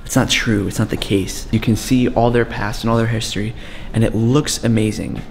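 A man's voice: fairly low pitch, fairly even intonation, normal speed, creaky, slight background noise. A young man vlogging, reflecting earnestly and then chatting like a tour guide on a walk. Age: young adult. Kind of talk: reflective vlog narration and casual walk-and-talk. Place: museum indoors and college campus outdoors. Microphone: handheld camera at arm's length.

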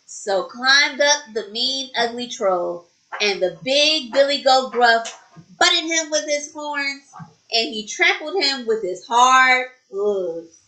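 Slow, expressive woman teacher reading to kids. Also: sits high. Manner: slow, expressive, talking to children. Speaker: preschool teacher. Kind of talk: storytime read-aloud and activity instructions. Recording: roomy echo.

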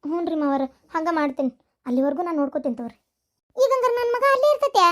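A woman's voice: very high voice, sing-song, rapid-fire. A woman voicing an anxious young daughter-in-law in a cartoon, with a North Karnataka accent and a worried, pleading manner. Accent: North Karnataka Kannada.

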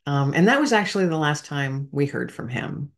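A woman's voice: low-pitched, big pitch swings, normal speed. A woman, a veteran hosting a podcast, telling an emotional story in a heartfelt, rambling way and talking straight to her listeners.

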